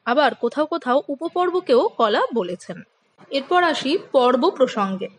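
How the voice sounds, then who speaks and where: High-voiced woman teaching a lesson. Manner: clear, explanatory, addresses students directly. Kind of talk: exam-prep lecture.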